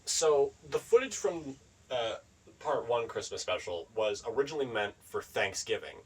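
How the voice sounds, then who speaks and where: A man's voice: medium pitch, expressive, normal speed, husky, recorded from a distance, rough recording. A young man co-hosting a podcast in casual chat, rambling and swearing as he tells stories. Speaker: podcast co-host.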